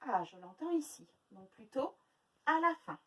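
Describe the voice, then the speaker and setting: A woman teaching a phonics lesson to young children, sounding out words slowly syllable by syllable. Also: high voice, very animated, a bit bright, far from the mic, low-quality recording. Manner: slow, exaggerated syllable-by-syllable pronunciation. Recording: faint noise, voice a little off-mic.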